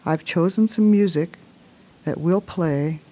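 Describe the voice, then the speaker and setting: A woman leads a guided relaxation in a soft, hushed voice, giving gentle, soothing instructions in short phrases. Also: lowish voice, slow, rough recording.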